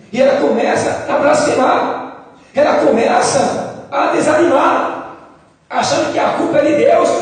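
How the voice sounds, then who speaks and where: A man with a Brazilian Portuguese accent preaching a sermon as pastor, impassioned and rising to shouts, with a sore throat. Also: very high-pitched. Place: church hall. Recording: echoey church hall from far off.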